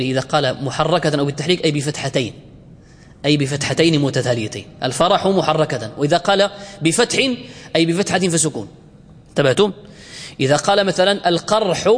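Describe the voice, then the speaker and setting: A man teaching Arabic word forms to a class. He asks the class questions and answers them himself, and he slows right down to spell out each form. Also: on the high side, in a large hall. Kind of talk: classroom lecture.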